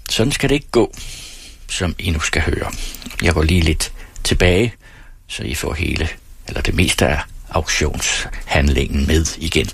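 A man narrating an audiobook in a steady, measured reading. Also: extremely low pitch, husky, dry recording. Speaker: audiobook reader.

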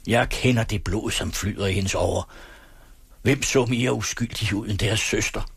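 A man voicing a furious, hot-tempered older uncle who shouts his accusations. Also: fairly low pitch, vocal fry, slightly rough, dry recording, exaggerated voice. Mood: angry. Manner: shouting, harsh.

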